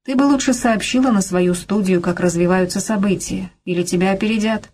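A woman voicing a calm, determined male TV journalist, speaking in a businesslike way. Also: medium pitch, brisk, natural voice. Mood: tender.

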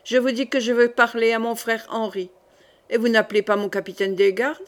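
A woman's voice: on the high side, level tone, fairly quick, close to an everyday voice. A woman reading the part of a dying young king, grave, solemn and commanding.

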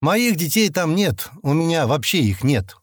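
A man reading an audiobook, voicing a clever, polite young man who lays out his questions calmly and methodically. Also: on the high side, no room sound, clean studio sound, pitched above the performer's own voice. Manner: measured, businesslike.

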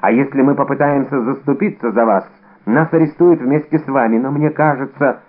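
A man's voice: mid-range voice, brisk, natural voice. A man reading an audiobook, voicing a bold, cunning young musketeer with a brash, theatrical manner, in a narrow, phone-like recording. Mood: scheming.

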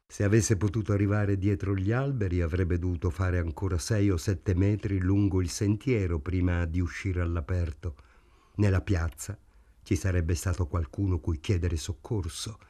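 A man reading a novel aloud in a measured, dramatic narration. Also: deep voice, mellow. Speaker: audiobook reader. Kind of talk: scripted literary narration.

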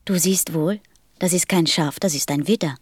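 An earnest little boy prince from another planet in a radio play. The voice is childlike and insistent, with a soft, husky breathiness. It is recorded close and dry. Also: fairly low pitch, moderate pace, dry recording. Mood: insistent, dissatisfied. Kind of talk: audio drama acting.

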